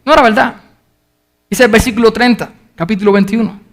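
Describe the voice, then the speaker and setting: A man preaching an earnest sermon as pastor, reading scripture aloud and shouting out the crowd's cries when he retells them. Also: high-pitched, fairly even intonation, fairly quick.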